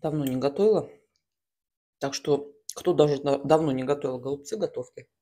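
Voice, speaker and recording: A woman in her thirties chats casually and slangily while eating in a mukbang, chewing and smacking, with pauses between bites. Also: deep voice, dark tone. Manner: colloquial, slangy. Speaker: mukbang host. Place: small room at home, at a table.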